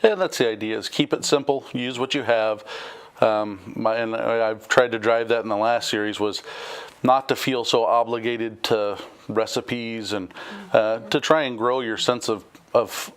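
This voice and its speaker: A man's voice: medium pitch, fairly even intonation, moderate pace, clean tone. A man being interviewed as a chef, explaining things in conversational talk.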